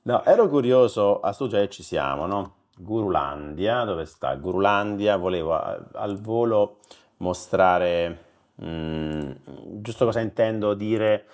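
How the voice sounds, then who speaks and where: A man hosting a casual chat, talking in a halting way with many restarts. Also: on the low side, lively intonation, darkish tone. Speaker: host.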